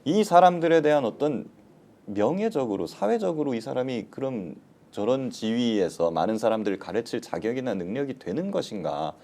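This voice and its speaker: A man, a lawyer guest, giving animated commentary on a political talk show. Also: mid-range voice, normal speed.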